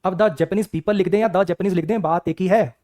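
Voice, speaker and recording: A man's voice: high-pitched, fairly even intonation, normal speed, a little mellow. A man teaching an exam-prep English grammar lecture, firing rhetorical questions at his students.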